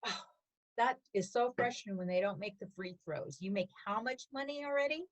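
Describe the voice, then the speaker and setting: A middle-aged woman co-hosting a podcast in casual, lively chat and laughing easily. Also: medium pitch, brisk, poor audio. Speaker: podcast co-host.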